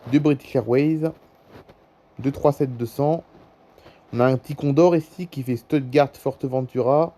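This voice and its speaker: A French-accented man demonstrating a flight-tracking app on YouTube speaks in a steady, mellow, medium-pitched voice, unhurried and broken by long pauses. His off-the-cuff remarks circle back on themselves as he prompts viewers to look.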